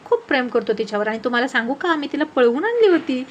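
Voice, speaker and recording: A woman's voice: sits high, big pitch swings, quick pace, dull audio, slight background noise. A woman voicing a cheerful older village man in a storybook tale, with a jolly, teasing, folksy way of talking.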